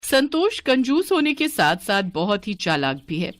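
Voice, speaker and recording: A woman's voice: medium pitch, sing-song, measured pace, dry recording. A woman narrating a scripted village story in a plain, matter-of-fact way.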